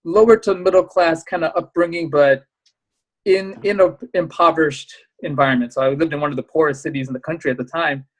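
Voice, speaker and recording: A man in his thirties with a somewhat high voice speaks quickly as a podcast guest. He tells his story in a lively way, with many "you know"s and restarts. He was born in Pakistan. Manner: animated, rapid storytelling with fillers. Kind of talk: casual interview chat.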